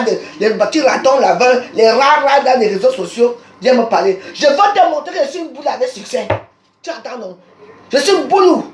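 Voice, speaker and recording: Speaking Cameroonian French, a social media personality rages in a live online rant, repeating her insults combatively. Her female voice sits on the high side with a darkish tone. It was recorded on a phone, with roomy echo and slight background noise.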